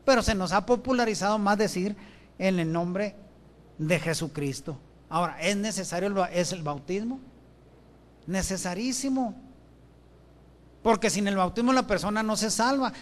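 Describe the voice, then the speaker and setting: A man preaches a sermon through a microphone in a church. His voice sits high for a man, and he reads scripture verses aloud. He poses questions to the congregation and answers them himself. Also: normal speed, pauses often. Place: church with benches. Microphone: handheld or stand microphone.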